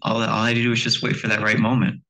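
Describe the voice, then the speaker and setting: A man's voice: on the low side, completely flat delivery, rapid-fire, bright, forceful tone, poor audio. A young man speaking as a guest in a church, telling personal stories in a chatty way, with constant "like" and acted-out quotes. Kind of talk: casual storytelling talk.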